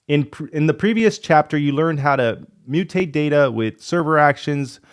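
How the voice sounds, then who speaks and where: The host of this coding tutorial has a fairly high, clean voice at normal speed, but a cold is causing him to lose it. He goes through the code casually, reasoning aloud and muttering with frustration while debugging.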